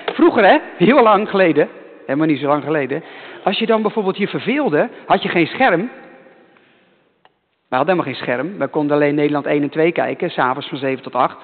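A male pastor giving a lively children's sermon, repeating himself to keep the children's attention. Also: high voice, long reverb tail, narrow, tinny audio. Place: church.

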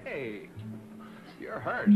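A man's voice: extremely slow, music in the background. An actor playing a level-headed, matter-of-fact male lead in a 1940s film. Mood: brisk. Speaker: film character Mister Bill. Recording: old 1940s film soundtrack with loud score.

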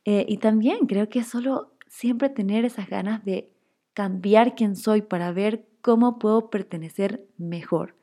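A young woman telling a personal story in a chatty, expressive way, full of fillers, as a casual vlog. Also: medium pitch, measured pace.

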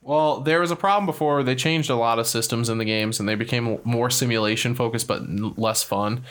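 A man with an average-pitched voice chats casually as a co-host. He rambles through his thoughts in loose, slangy, sometimes profane language. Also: brisk, a bit bright. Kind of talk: casual chat.

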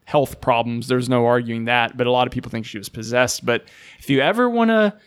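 A man's voice: mid-range voice, a little fast, smooth. A man hosting a podcast, chatting casually and steering the conversation. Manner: chatty, leads the topics. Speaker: podcast host. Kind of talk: casual chat.

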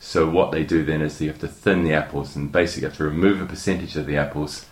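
A man's voice: rumbling low, steady tone, fast. A middle-aged man with a New Zealand accent, a guest chatting hesitantly with many fillers and restarts. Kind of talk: casual interview talk.

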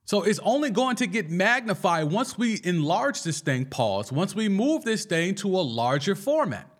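A man hosting a casual sports podcast, talking in an animated and slangy way and firing off rhetorical questions. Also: sits high, moderate pace. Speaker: podcast host.

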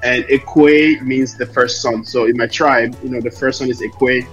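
A man tells his story as an interview guest, circling back and correcting himself as he goes. His voice is a little husky. The recording is dull and lo-fi, with music behind it. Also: mid-range voice, steady tone, unhurried, fairly bright tone. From Lomé, Togo; later Ireland. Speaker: interview guest, investor and founder. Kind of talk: conversational interview answers.

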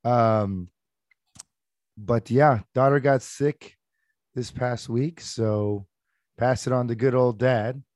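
A man with a hoarse, worn-out voice chats casually as a podcast co-host. His pitch sits mid-range, and the recording is dry, with very little room around the voice. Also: fairly even intonation, slow, pauses often, a little mellow, no room sound. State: hoarse, lost his voice to illness. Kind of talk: casual chat.

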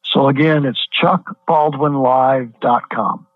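A man's voice: mid-range voice, steady tone, slow pace, no room sound. A man, a pastor, speaking as a guest in an interview, emphatic and repeating words to press his point. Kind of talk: interview over the phone. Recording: tinny phone line.

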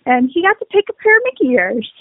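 Chatty woman podcaster, higher voice, rambling stories, dead dry phone-ish audio. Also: sing-song, fast talker, no room sound, narrow, tinny audio. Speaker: podcast co-host. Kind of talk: casual chat.

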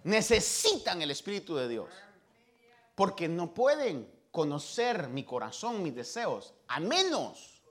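Male pastor, sermon delivery, high-ish lively voice, dramatic loud-to-hushed swings. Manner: slow, emphatic scripture reading.

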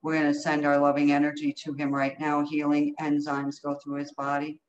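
Woman leading guided healing, flat dull recording. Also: sits low, a little fast. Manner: short, incantatory phrases with repeated commands. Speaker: energy healer leading a group healing call. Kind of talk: guided energy healing session, improvised. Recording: dull, lo-fi call audio with noise.

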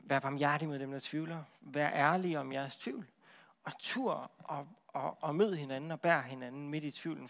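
A man preaching a sermon in a lively, talkative way, often repeating words and checking in with the listeners. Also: mid-range voice, creaky.

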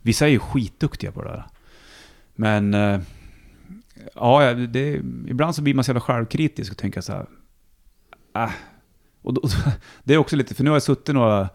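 A man with a Hälsingland Swedish accent, chatting casually as a guest, relaxed and rambling, swearing easily. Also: mid-range voice. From Sweden, Hälsingland. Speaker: musician and radio host, guest. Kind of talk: casual conversation.

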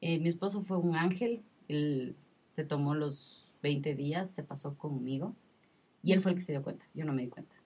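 Thirties woman, low husky voice, emotional and repetitive storyteller in casual talk. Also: normal speed, warm tone. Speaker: guest sharing her experience. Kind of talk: casual conversation.

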